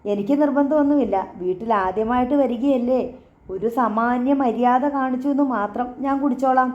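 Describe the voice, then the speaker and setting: A woman's voice: fairly high pitch, normal speed, natural voice. A woman voicing an earnest, shy young man in love, in a dull echoey room recording. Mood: awkward. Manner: earnest, flustered.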